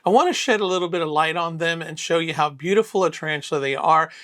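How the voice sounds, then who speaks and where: A man from Florida presents an educational video in a friendly, explanatory manner. His voice sits slightly high for a man, and his talk runs loose, with fillers and restarts along the way. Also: fast talker, a bit bright. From Florida, USA. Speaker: tarantula channel host.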